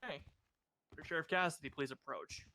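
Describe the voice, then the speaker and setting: A man's voice: a little high, moderate pace, bright, forceful tone. A man role-playing a presiding judge, moving proceedings along in polite, informal procedural talk. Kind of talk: improvised courtroom role-play.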